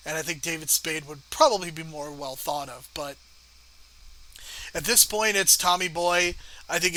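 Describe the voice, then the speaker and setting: A man co-hosting a podcast, talking films in a measured way and often hedging his points. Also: a little high, sharp tone, low-quality recording. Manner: measured, hedging with frequent "I think". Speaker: podcast co-host. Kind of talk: casual film discussion.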